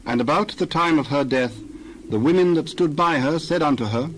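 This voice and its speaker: A man's voice: on the high side, slight background noise, low-quality recording. Man reading scripture steadily. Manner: measured, steady narration. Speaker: scripture reader.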